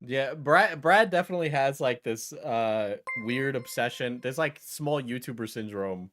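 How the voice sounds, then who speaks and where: A man with a mid-pitched voice delivers off-the-cuff reaction commentary. He is blunt and mocking, swearing freely as he talks back at what he is watching. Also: a little slow, fairly bright tone, soft background music.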